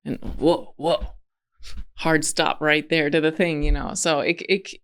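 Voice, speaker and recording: Woman, co-host, casual chat, low-pitched, gravelly, stop-start phrasing with frequent laughter. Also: level tone, measured pace. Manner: restarts often and laughs between phrases. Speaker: podcast co-host.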